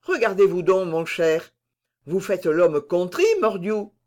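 A man's voice: high voice, slow, a little mellow. A man reading aloud and voicing a bold, blustering musketeer captain who talks heartily and teases. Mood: teasing. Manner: hearty, teasing, exclaiming. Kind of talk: audiobook reading.

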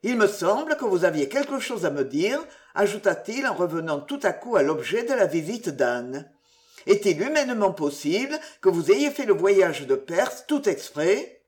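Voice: mid-range voice, very animated, normal speed, close to an everyday voice. A reader voicing a crafty, pompous old Scottish inn waiter who preaches with mock virtue.

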